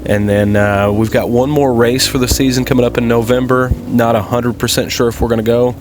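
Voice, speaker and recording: A motovlogger and amateur off-road racer gives casual, rambling commentary over race footage in a folksy, laid-back way. His mid-range voice shows little pitch movement, he talks a little fast, and background noise is audible.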